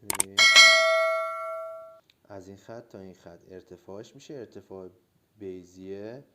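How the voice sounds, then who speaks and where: Low-voiced, slightly hoarse male drawing teacher. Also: very noisy. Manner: relaxed, explains step by step, frequent "uh" fillers. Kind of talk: casual tutorial narration.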